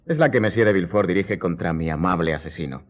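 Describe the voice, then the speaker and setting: A worldly, ironic gentleman count in a radio drama. His low voice is theatrical and courtly, and the recording is muffled and thin like a telephone line. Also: animated, fast. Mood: wry, animated. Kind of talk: Spanish radio drama acting.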